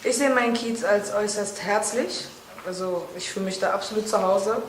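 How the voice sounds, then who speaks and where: A twenty-three-year-old woman from Berlin answering interview questions fluently and calmly. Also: mid-range voice, normal speed. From Berlin, Germany. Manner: fluent, composed. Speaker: local youth council member. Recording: roomy, distant mic, faint noise.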